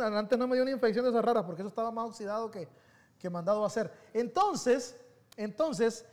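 A man giving a sermon as pastor, telling personal stories in an animated, conversational way that swings between soft and loud. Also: very high-pitched.

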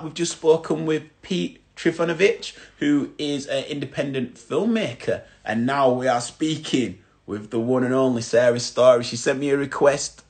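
Yorkshire man hosting a casual chat. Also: mid-range voice. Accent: Yorkshire English. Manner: chatty, familiar, matey terms of endearment. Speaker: host of an online chat series. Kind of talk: informal live chat interview.

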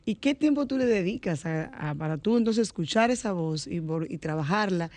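A man co-hosting an interview program who asks curious, quick follow-up questions. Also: high-pitched, expressive, a little mellow. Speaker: co-host.

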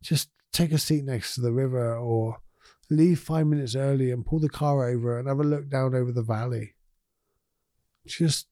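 A man hosting a podcast, talking in an earnest, gentle and encouraging way about life's small moments. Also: mid-range voice, dry recording, studio quality. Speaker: podcast host. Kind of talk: reflective motivational podcast talk.

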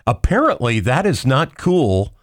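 A man's voice: mid-range voice, very animated, a little slow, dry recording, studio quality. A man co-hosting a casual talk show, wry and opinionated. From Ohio, USA. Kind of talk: casual chat.

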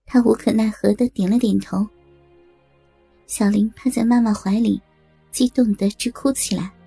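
A woman narrating a serialized story in a steady, dramatic storytelling manner. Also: mid-range voice, normal speed, gravelly, breathy edge, no echo, soft background music.

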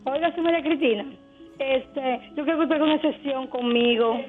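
Gushing high-pitched woman caller, muffled phone sound. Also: brisk, faint music behind. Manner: excitable, gushing. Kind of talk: phone call to a radio show.

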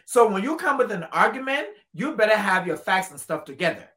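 A woman from Liberia in casual conversation, animated and emphatic, repeating phrases to drive a point home. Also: medium pitch, fairly quick. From Liberia, West Africa. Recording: roomy echo.

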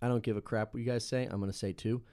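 A man chatting casually with friends, often halting to search for words. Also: fairly low pitch, steady tone, dark tone, smooth. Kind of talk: casual chat among friends.

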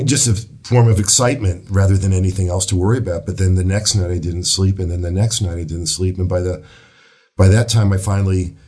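A man, an author being interviewed as a guest, telling his story in a reflective, measured way. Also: low voice, darkish tone, breathy edge. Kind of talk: casual interview.

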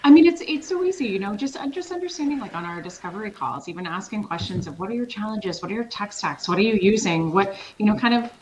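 A middle-aged woman from Switzerland, a consultancy founder answering interview questions in an energetic, emphatic way and laughing easily. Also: mid-range voice, fast, few pauses, over a noisy crowd, low-quality recording. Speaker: sales consultancy founder, guest.

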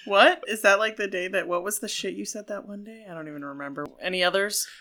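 A man co-hosting a podcast, teasing his friends with wry deadpan asides in casual banter. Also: high-pitched, quick pace. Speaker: podcast co-host.

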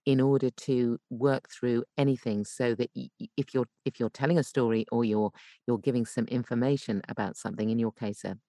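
Her low, warm voice carries some vocal fry as this podcast guest, a voice coach and voice actor, explains technique, thinking aloud and rewording her phrases. There's very little room in the dry recording.

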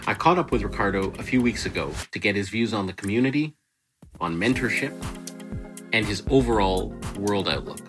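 A man hosting an interview who gives a measured introduction and then asks quick, curious questions. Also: lowish voice, music in the background. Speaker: host.

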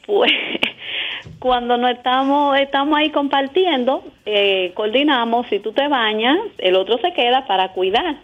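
A married woman, telling an animated anecdote in a casual chat. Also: high voice, unhurried, dull audio.

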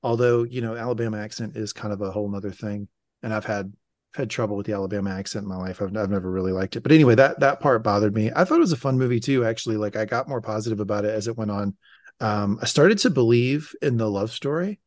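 A man's voice: fairly low pitch, fast, no echo, clean studio sound. A man hosting a casual podcast chat, wry and sarcastic, swearing casually. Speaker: podcast host.

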